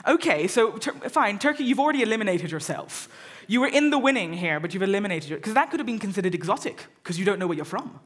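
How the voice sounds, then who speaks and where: An event host from England jokes, chats, and teases the crowd on stage at a live event in a lecture hall. Her mid-range voice is animated and fast, with few pauses.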